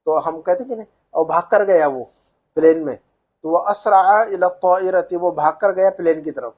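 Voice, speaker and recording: A man's voice: sits high, a little mellow. Patient man teaching Arabic reading. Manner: patient, slow drilling of pronunciation and grammar. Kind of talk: language lesson.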